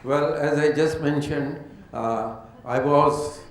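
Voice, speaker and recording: A man's voice: fairly high pitch, slow pace, some chatter behind. A man speaking earnestly and hesitantly at a panel talk. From India. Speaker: conference speaker. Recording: roomy hall sound.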